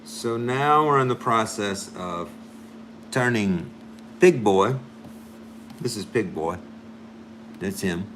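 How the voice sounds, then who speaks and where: A man's voice: on the low side, expressive, takes it slowly, long pauses, fairly bright tone, a little hiss or hum. A man chatting casually on a livestream as he draws, rambling and thinking aloud, now and then dropping in amateur French phrases. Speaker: artist streaming a drawing session. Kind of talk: casual livestream chat while drawing.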